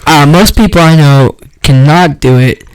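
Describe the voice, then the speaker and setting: A man's voice: a little high, measured pace, clear, resonant tone, rough recording. A man co-hosting a casual podcast, rambling with lots of fillers and slang. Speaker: podcast co-host. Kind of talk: casual chat.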